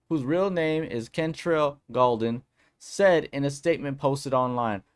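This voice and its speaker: A man hosting a casual commentary vlog who talks in an upbeat, slangy way and then reads a news article aloud. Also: medium pitch. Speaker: political commentary vlogger.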